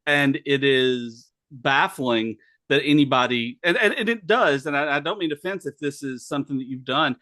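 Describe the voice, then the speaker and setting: A man's voice: mid-range voice, moderate pace, hardly any pauses, sharp tone, no echo. A man co-hosting a casual gaming podcast, agreeing often and adding short points. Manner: supportive, frequent short agreements. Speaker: podcast co-host.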